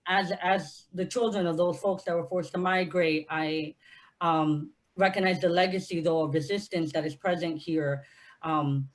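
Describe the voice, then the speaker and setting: A woman's voice: fairly low pitch, steady tone, normal speed. A woman from Honduras speaking on a panel as an organizer, earnest and impassioned. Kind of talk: panel discussion.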